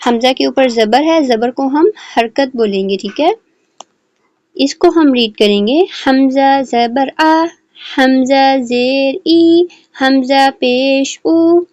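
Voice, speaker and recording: Woman Quran reading teacher, high and dry, slow syllable drills, patient and repetitive. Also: darkish tone, dry recording, dull audio. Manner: drills letter sounds slowly, syllable by syllable; repeats "theek hai" and mixes in English words. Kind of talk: patient recorded lesson for beginners.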